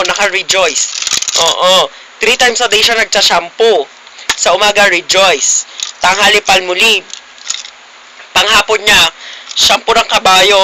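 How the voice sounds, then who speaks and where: A man's voice: high voice, noisy background. A young man vlogging casually, teasing his friends playfully with frequent giggles. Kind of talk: casual vlog chat.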